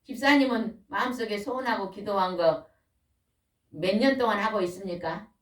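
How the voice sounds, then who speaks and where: A middle-aged woman preaching a sermon in a small church. She questions the congregation and waits for answers, and she slows down to stress key words. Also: medium pitch. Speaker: pastor's wife preaching. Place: small church or worship room. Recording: roomy echo, voice from a distance.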